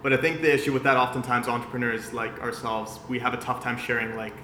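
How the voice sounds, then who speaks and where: Fast, bright-voiced man in an echoey room. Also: mid-range voice, flat delivery. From Austria. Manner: chatty, laughs often, many "yeah" and "like" fillers. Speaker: guest, agency founder. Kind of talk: casual interview. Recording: roomy echo with faint background hum.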